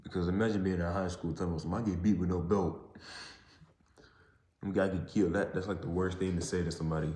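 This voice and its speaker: A young man talking casually and haltingly on his own as a podcast host, recorded in a parking garage. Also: low voice, steady tone, warm tone. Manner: halting, repeats and rephrases himself. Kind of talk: casual solo monologue. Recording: echoey garage.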